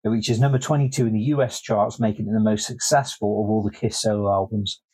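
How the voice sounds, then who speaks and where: Husky, wry, sweary male podcast host. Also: on the low side, fairly even intonation, quick pace, a little mellow, rough recording. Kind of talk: casual chat, reading segment notes.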